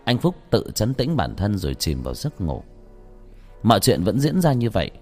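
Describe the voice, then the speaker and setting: A man narrating a ghost story in an animated, earthy way. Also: lowish voice, normal speed. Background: faint music.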